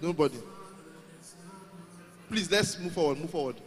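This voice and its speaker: Calling out to a crowd of young people in a large hall, a man hosts a live event, coaxing them and repeating himself. His pitch is fairly high and he speaks at normal speed.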